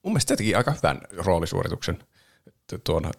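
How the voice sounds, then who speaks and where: A man's voice: low-pitched, sing-song, vocal fry, husky. A man hosting a podcast, chatting casually about a film, laughing often and now and then imitating voices. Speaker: podcast host. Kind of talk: casual chat reviewing a film.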